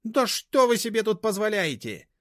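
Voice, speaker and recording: A man voicing a shrill, brash, stout middle-aged woman who shrieks rudely and indignantly. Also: moderate pace, no room sound, studio quality, natural voice. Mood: screeching.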